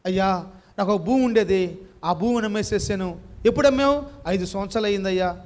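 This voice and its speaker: A man's voice: high-pitched, brisk, big-room sound, natural voice. A man voicing a grieving old man who lost his gold, wailing and pleading in a story told during a sermon.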